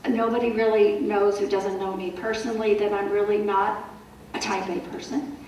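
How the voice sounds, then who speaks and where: A middle-aged woman giving a wellness talk to a support group, telling stories in a lively way with animated asides. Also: mid-range voice, moderate pace. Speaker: wellness speaker. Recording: roomy hall, voice from far off, faint noise.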